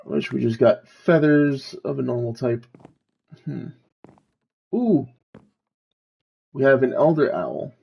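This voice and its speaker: A man streaming a video game, slowly talking himself through what he is doing in casual commentary. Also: mid-range voice, vocal fry, slightly rough, dull audio. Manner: slow, musing, talks to himself while playing.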